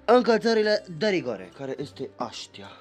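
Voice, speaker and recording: Young man, rambling home vlog, animated voice, faint music. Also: fairly high pitch. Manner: chatty, rambling, scolding a child between remarks. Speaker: vlogger. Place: small bedroom at home.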